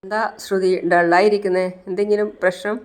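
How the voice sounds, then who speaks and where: A woman's voice: mid-range voice, flat delivery, a little fast, lightly acted. A woman voicing a doting young groom who speaks fondly to his bride, in a serial recap story.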